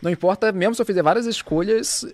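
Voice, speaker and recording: A man's voice: high voice, quick pace, background noise. A young man from Brazil, a podcast co-host rambling with slang and restarts in casual chat.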